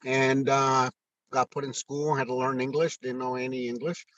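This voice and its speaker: Earnest older man, halting and heartfelt. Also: medium pitch, flat delivery, a bit bright, low-quality recording. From Mexico. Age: 60s. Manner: earnest, halting with many restarts and fillers. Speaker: interview guest, retired first sergeant. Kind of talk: candid conversational interview. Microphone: phone call audio.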